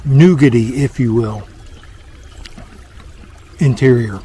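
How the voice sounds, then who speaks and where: A man's voice: mid-range voice, slow, mellow, breathy edge. Man giving mock-gourmet praise outdoors. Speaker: vlogger. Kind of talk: mock food-critic review. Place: outdoors by a lake on a day hike. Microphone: small handheld camera.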